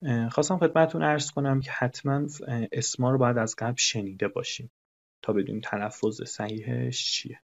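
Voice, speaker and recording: A male English teacher walks through a lesson, explaining patiently and repeating phrases so they sink in. His voice sits at a middle pitch. The recording is dull and lo-fi. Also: steady tone, gravelly.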